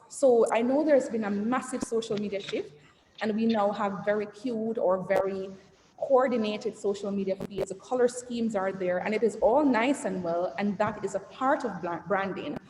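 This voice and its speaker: This is a woman CEO presenting on branding to entrepreneurs in an interactive online session, her voice middle-pitched, slightly mellow, and at a normal speed. She chats with the audience, poses questions, reads comments from the chat, and finishes lists with "et cetera." The room echoes with long reverb, and faint noise is audible.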